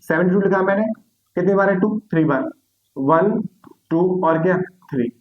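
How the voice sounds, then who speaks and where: A man's voice: high-pitched, normal speed, highs cut off, slight background noise. A young adult man teaching a maths lesson online, repeating questions and answers and calling students "beta".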